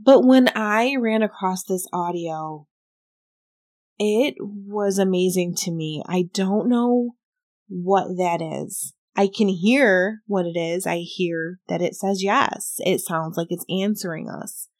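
A woman speaks slowly in a lowish, darkish voice as she hosts a casual podcast reviewing paranormal investigation audio. She explains things thoughtfully and hedges often. The studio sound is clean, with no room sound.

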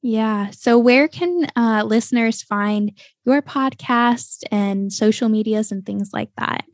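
A woman's voice: on the high side, slow pace, no echo. Upbeat woman podcast host, dry sound. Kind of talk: podcast interview and outro.

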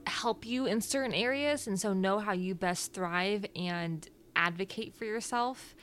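A woman's voice: mid-range voice, unhurried, fairly bright tone. A woman co-hosting a podcast, chatting casually and rambling, laughing at her own slips. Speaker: podcast co-host. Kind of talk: casual chat.

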